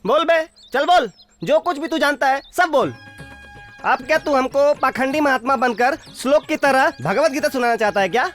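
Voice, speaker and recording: A brash young thug snarls rough street threats in a dubbed film. His voice sits high and pushy. Music plays clearly behind him. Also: normal speed, a bit bright. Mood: threatening. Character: brash thuggish male sidekick.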